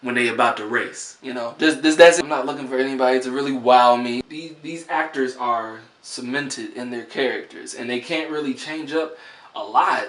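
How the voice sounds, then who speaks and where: A man's voice: medium pitch, normal speed, fairly bright tone, echoey room. A man giving a casual, joking movie review in a laid-back, rambling way.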